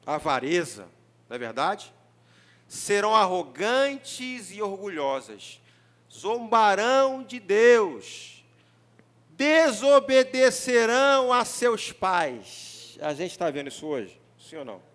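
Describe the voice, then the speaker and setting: A man preaching a sermon as pastor in a church, with a Rio de Janeiro Brazilian Portuguese accent, talking in an animated, joking way and often asking the congregation questions. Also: sits high, slow. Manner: animated, jokey, mimics congregants, often asks the crowd. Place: church hall.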